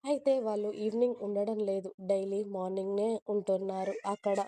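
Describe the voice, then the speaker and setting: A woman narrating a romance story in a steady, even reading voice. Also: medium pitch, fairly quick, slight background noise.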